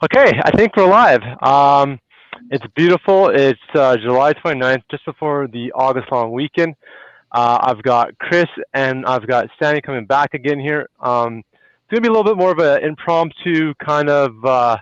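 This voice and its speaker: A man's voice: mid-range voice, normal speed, dry recording. Canadian guy hosting a live video call, chatty and loose, lots of ums, dull dry audio. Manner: relaxed, chatty, many fillers and restarts. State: a little out of breath. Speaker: host. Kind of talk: casual live video chat. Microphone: phone hotspot on a video call.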